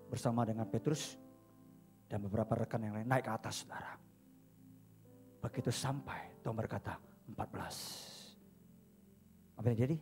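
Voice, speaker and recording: A male pastor giving a dramatic sermon, acting out the story in booming shouts and hushed whispers, often calling out to his listeners. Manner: repeats "saudara" to address the congregation.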